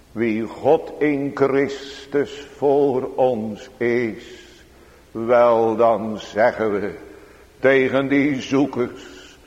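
A man preaching a sermon in a church, speaking solemnly with sudden raised emphatic passages. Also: medium pitch. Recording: dull sound with long hall reverb.

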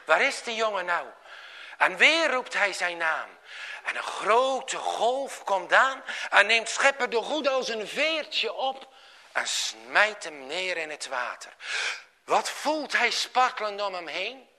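A man telling a story aloud in an expressive, dramatic way. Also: sits high, slow. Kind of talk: storytelling narration.

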